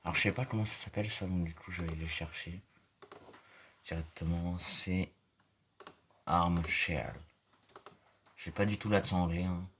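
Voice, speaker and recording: A man giving casual, rambling gameplay commentary full of fillers, sometimes dropping into quiet murmurs. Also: low voice, steady tone, brisk, slight background noise. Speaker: gaming video creator. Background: mouse and keyboard clicks.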